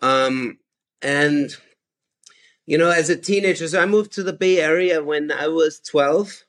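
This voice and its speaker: Enthusiastic austrian-born guy in his 50s, kinda high voice, chatty and laughing a lot. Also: unhurried, a bit bright. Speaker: podcast guest. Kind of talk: casual chat.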